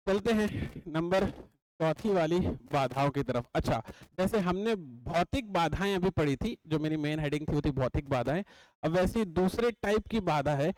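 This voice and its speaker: High-voiced man teaching in a dry room. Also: darkish tone, no echo, poor audio. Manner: chatty, repeats points and checks understanding. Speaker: exam coaching teacher. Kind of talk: classroom lecture. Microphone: writes on a board while talking.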